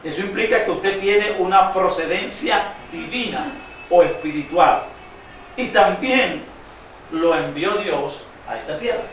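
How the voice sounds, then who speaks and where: A man preaching a sermon, quizzing his congregation with call-and-response questions and reading scripture slowly with emphasis. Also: high voice, fairly bright tone, slight background noise. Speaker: pastor. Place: church sanctuary. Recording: very echoey church hall, distant mic.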